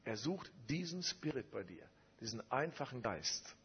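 Guy preaching, very husky voice, keeps repeating lines for effect, kinda muffled recording. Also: mid-range voice, very animated, normal speed. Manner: emphatic storytelling with repeated phrases. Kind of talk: sermon with personal testimony.

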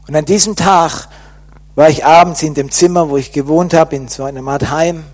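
A man giving an earnest personal conversion testimony, sinking to a soft, low voice at grave moments. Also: steady tone, moderate pace.

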